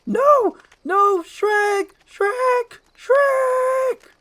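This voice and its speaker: A man's voice: very high voice, extremely slow, pushed and bright, slight background noise, voice pushed up, exaggerated voice. A man voicing a jittery, cowardly but boastful talking donkey, rambling and pleading as in a storybook screenplay reading. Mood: terrified. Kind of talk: storybook screenplay read with character voices.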